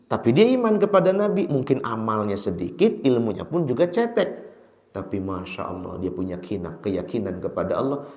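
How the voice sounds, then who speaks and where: Sundanese preacher man in echoing mosque. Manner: storytelling with sudden high, loud outbursts; chants Quran verses slowly. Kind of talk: mosque sermon. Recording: echoey mosque hall.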